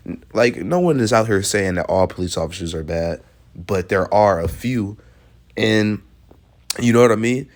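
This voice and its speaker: A man with a somewhat low voice talks through a reaction video in a loose, casual way. He is blunt and profane, and he laughs often as he comments. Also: lively intonation, normal speed.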